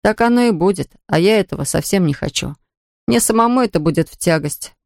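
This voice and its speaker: A reader voicing a bedridden orphan boy in an audiobook, speaking quietly, firmly and gloomily. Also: mid-range voice, animated, a little fast, vocal fry, no echo, clean studio sound. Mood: stubborn sad. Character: sick orphan boy, proud and stubborn. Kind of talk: audiobook character voice.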